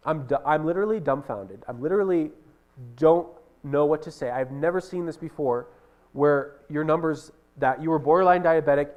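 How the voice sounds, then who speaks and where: A middle-aged man preaches a sermon in an earnest, heartfelt way. His voice sits fairly high, and he stumbles through restarts and fillers. He drops soft and low whenever he quotes a prayer. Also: highs cut off.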